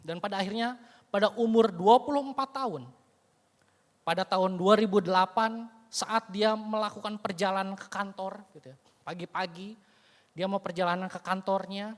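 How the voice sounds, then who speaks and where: A man's voice: sits high, moderate pace. Male preacher in an echoing church. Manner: conversational, frequent "you know" tags, dramatic retelling. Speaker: evangelist preacher. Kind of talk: sermon storytelling. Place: church sanctuary. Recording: long church hall reverb.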